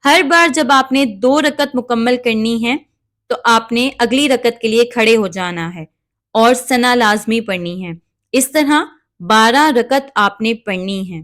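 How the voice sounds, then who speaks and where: A woman giving calm, measured step-by-step prayer instruction and reciting Arabic prayers along the way. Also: on the high side. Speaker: religious instructor.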